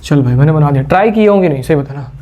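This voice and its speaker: A male teacher with a fairly high, narrow voice races through a classroom physics lecture, animated, over tinny audio. He teases imagined students, repeats key terms, quizzes the class and slips English terms into his speech.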